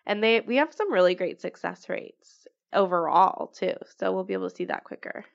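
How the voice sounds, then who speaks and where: A woman's voice: medium pitch, animated, fairly quick, vocal fry. A chatty woman co-hosting a casual talk, laughing easily. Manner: chatty, giggly. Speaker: podcast co-host. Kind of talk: casual chat. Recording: dull lo-fi recording.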